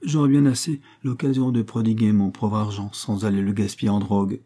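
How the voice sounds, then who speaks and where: A man reading aloud voices a vain, pompous middle-aged widow who scolds her niece haughtily, with sudden rises in pitch. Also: little pitch movement, fairly quick, mellow, lightly acted. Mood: haughty.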